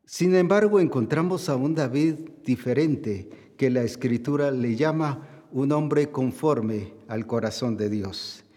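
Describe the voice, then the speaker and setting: A man preaching a sermon as an apostle, slow and deliberate, with emphatic rises on key words. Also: mid-range voice, dark tone. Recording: long hall reverb.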